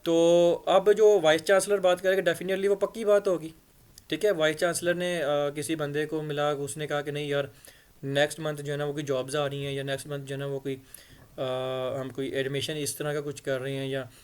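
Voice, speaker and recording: A man teaching English idioms in a casual spoken lesson, explaining in Hindi-Urdu and reading the English phrases slowly, with frequent fillers and repeats. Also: fairly high pitch, flat delivery, clear, resonant tone. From Punjab. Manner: hesitant, many fillers and repeats.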